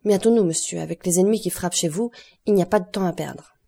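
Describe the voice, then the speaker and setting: A woman's voice: on the low side, fast talker, vocal fry, dark tone. A woman reading the part of a grave, stern male doctor, speaking in a clipped manner.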